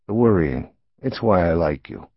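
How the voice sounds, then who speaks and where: A man's voice: low-pitched, expressive, dry recording, highs cut off. Man playing a cool, calculating mob boss. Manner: measured, coolly reassuring.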